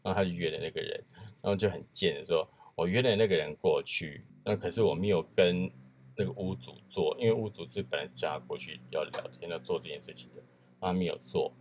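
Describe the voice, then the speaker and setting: A man's voice: deep voice, fast talker, slight background noise. A man hosting a podcast, telling a crude story in a casual chat and acting out the people in it. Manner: crude, laughing, acts out quoted voices. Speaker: podcast host.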